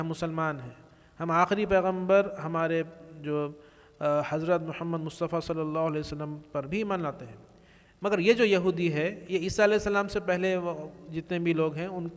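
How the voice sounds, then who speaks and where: A man giving a religious lecture, explaining in a measured way with pauses and restarts and mixing English words into his speech. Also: a little high. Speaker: religious speaker. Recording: long reverberant echo.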